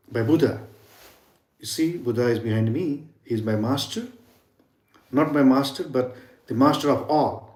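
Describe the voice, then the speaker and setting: Man teaching, drops to soft whispers. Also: medium pitch, roomy sound. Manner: earnest, drops to near whispers for emphasis, repetitive phrasing. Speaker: yoga and sound healing teacher. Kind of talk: informal spiritual teaching talk.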